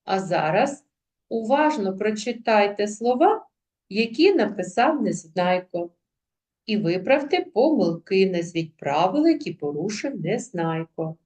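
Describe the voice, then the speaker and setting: Woman, primary school teacher, video lesson, slow delivery, words sounded out by syllable. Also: medium pitch, sing-song, a little mellow. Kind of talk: video lesson for young pupils.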